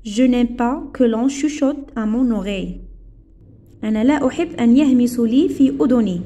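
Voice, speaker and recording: A woman teacher explaining grammar, reading example sentences slowly and translating them quickly. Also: on the high side, dark tone. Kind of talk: grammar lesson, French with Arabic explanations.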